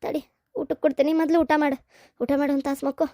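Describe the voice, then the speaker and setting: A worried older mother in a cartoon, as a woman puts her on, lamenting and soothing in a North Karnataka Kannada accent. The voice is still fairly high, though lower than the young wife. The sound is dry. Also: flat delivery, fast, dark tone, no room sound.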